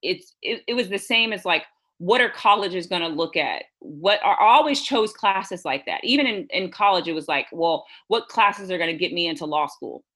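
American woman guest, lowish crisp voice, musing and rambling. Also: lively intonation, normal speed, sharp tone. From Houston, USA. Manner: reflective, rambling with frequent "you know" and "it's like". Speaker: novelist guest. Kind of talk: casual interview chat.

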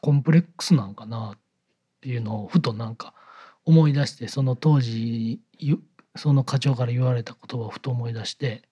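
A podcast co-host from the Kyoto area of Japan chats casually in a Kyoto-style Kansai accent. His mid-range voice is mellow and husky, and he talks at a normal speed.

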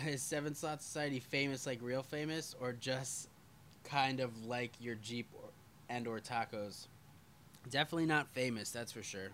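A man with a bright, forceful voice hosts a casual live stream, reading out viewer comments and answering them as he goes. He talks loosely and pokes fun at himself, dropping the odd curse, and a faint hum of room ambience sits behind him. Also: medium pitch, steady tone, normal speed. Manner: loose and swearing, with self-deprecating asides. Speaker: podcast host reading live chat.

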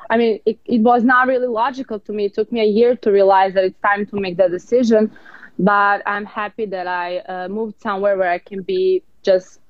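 A woman's voice: medium pitch, no echo, muffled recording. A woman in her twenties from Serbia, a guest talking openly and unhurriedly in a casual interview. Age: 20s.

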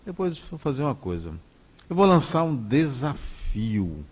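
Lively Brazilian man giving a spiritual talk. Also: medium pitch, normal speed, slightly rough. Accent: Brazilian Portuguese. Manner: conversational, often asks "né?" to the audience. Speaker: spiritist speaker. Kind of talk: inspirational talk with personal stories.

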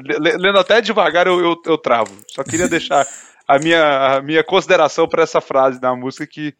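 A man co-hosting a casual album-review chat, excitable and slangy, often stammering on restarts. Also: fairly high pitch, brisk, dry recording. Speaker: podcast co-host reviewing an album.

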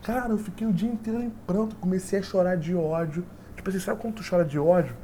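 A man's voice: sits high, fast talker, mellow, a little hiss or hum. A man, telling a personal story in a casual, rambling way full of fillers. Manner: rambling, repetitive, full of "tipo assim" fillers.

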